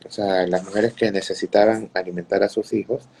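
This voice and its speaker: A male preacher telling religious stories to listeners in an unhurried way, often repeating words while he searches for the next one. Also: deep voice, steady tone, gravelly, a little mellow, breathy edge. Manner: greets listeners mid-talk. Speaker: Islamic preacher. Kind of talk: religious storytelling talk.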